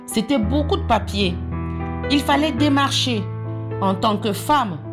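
A woman, calmly telling her life story in short, plain sentences. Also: a little high, unhurried. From Cameroon. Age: 40s. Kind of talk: personal testimony. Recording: soft guitar music underneath. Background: plucked guitar music.

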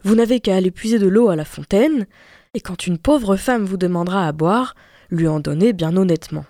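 A woman voicing a scheming peasant mother with a shrill, exclaiming manner, in a fairy-tale reading. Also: a little fast, dark tone, no room sound, clean studio sound, close to an everyday voice. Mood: coaxing.

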